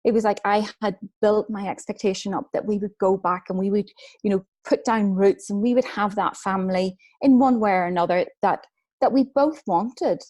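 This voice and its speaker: A middle-aged woman with a Northern Irish accent, an author telling her personal story in a soft, reflective way. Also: mid-range voice, normal speed. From Northern Ireland. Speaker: guest speaker, author and book coach.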